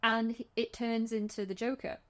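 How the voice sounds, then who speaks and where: A woman's voice: on the high side, flat delivery, normal speed, fairly bright tone. Chatty woman recapping a film. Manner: chatty, restarts often, vivid retelling. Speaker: podcast co-host. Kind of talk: casual film discussion.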